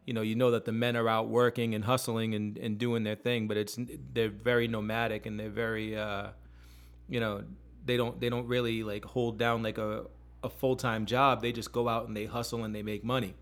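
A podcast co-host rambles loosely through casual talk-show chat, full of fillers and restarts. He speaks at normal speed in a lowish voice with little pitch movement.

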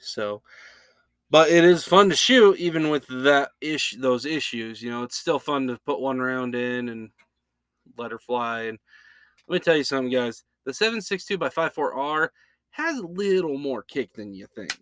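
A male podcast host talking casually at a middle pitch, laid-back and rambling. He chuckles often. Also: expressive, normal speed, a bit bright, smooth, no room sound. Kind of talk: casual chat.

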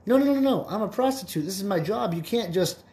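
A man's voice: high-pitched, lively intonation, fast, darkish tone, voice pushed up. A man voicing an indignant female prostitute in a joke, talking in an insistent, stammering way. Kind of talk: joke telling.

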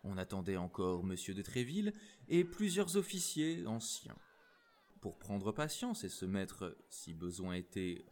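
Man, storyteller, lively voice, expressive reading. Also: lowish voice. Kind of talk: storybook narration.

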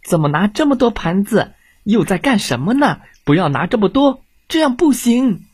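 A man voicing an adult mother who nags and then speaks tenderly, in a high, sing-song storybook voice. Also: big pitch swings, measured pace, husky, no echo, exaggerated voice. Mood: scolding.

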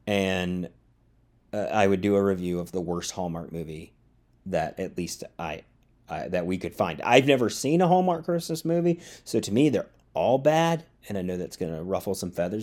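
Man, podcast host, casual rambling chat, slightly low voice, chuckles and fillers, tired. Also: darkish tone. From US South. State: yawning, a bit tired. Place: studio apartment.

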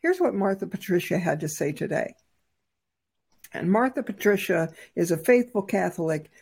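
Woman podcast co-host, measured and thoughtful, husky dark voice. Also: lowish voice, sing-song. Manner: measured, thoughtful, with frequent fillers. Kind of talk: conversational podcast discussion.

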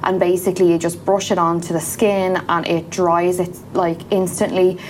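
A woman's voice: fairly low pitch, flat delivery, moderate pace, darkish tone, a little hiss or hum, low-quality recording. A woman with an Irish accent chatting informally as an interview guest, explaining things in a casual, conversational way. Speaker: podcast guest, small business founder.

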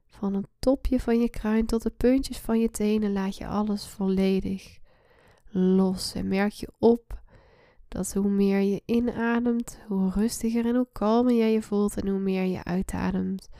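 A meditation podcast host leads a very slow guided relaxation, her medium-pitched voice soft and breathy, often slipping into a whisper. She's soothing and hushed like a spa, with pauses, in a dry, clean studio recording.

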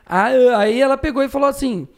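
A man with a high voice talks at a rapid clip, spinning profane, slang-filled stories in a casual podcast conversation. He is a streamer guest, and his animated telling breaks into sudden shouted outbursts.

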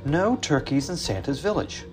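A man's voice: fairly high pitch, big pitch swings, normal speed, a little mellow, faint music behind, pitched above the performer's own voice. A man voicing a strict, bossy male elf guard in a storybook, scolding in a firm, raised voice. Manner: scolding, emphatic.

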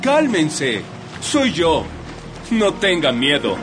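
Guy playing jesus in a bible audiobook, calm and commanding, voice rises and falls a lot, music underneath. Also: fairly high pitch, very slow, exaggerated voice. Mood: reassuring. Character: Jesus, calm authoritative grown man teacher. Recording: dramatized audiobook with music behind.

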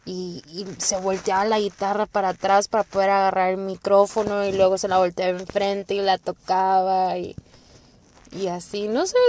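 A woman's voice: mid-range voice, slight background noise. A young woman with a Mexican accent hosting a podcast, telling personal stories in a rambling, profane way and acting out the people she quotes. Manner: rambling, profane, animated quoting. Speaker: podcast host. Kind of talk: casual personal storytelling.

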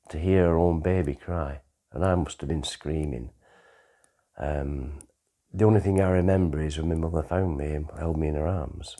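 A man, telling his life story in a rambling, conversational way with pauses and restarts. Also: low-pitched, dark tone, husky. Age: 60s. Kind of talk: unscripted autobiographical storytelling.

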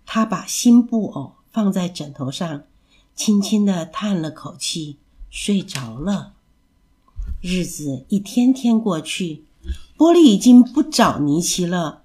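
A woman storyteller reading a children's story aloud in an expressive, animated way. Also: fairly low pitch, takes it slowly.

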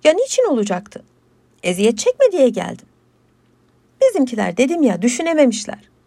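A woman's voice: sits high, wildly swooping pitch, moderate pace, warm tone, no echo, voice pushed up, exaggerated voice. A woman voicing a friendly, naive male villager on horseback, earnest and apologetic in a folktale.

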